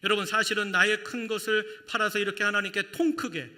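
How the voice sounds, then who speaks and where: A male pastor delivers a lively sermon in a high, sharply bright voice. His words ring out with a long hall reverb around them. He keeps turning to the congregation with rhetorical questions. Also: a little fast. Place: church sanctuary.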